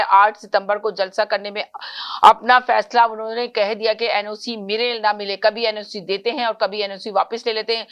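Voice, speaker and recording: A woman's voice: medium pitch, fairly bright tone, clean tone, lo-fi sound. Earnest woman hosting a call-in show. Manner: earnest, questioning, frequent self-corrections. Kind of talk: political call-in talk show.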